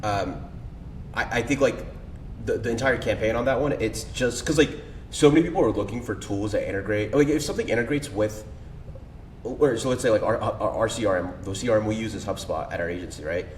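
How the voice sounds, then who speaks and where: Talking a little fast in a darkish tone, a man who runs a cold email agency guests on a podcast, eager and slangy with frequent fillers. His distant mic picks up an echoey room and faint rumble.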